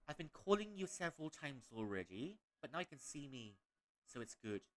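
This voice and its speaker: A man's voice: medium pitch, sing-song, normal speed, fairly bright tone. Playful Malaysian-accented young man streaming. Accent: Malaysian English. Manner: playful, laughs often. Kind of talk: gaming stream commentary.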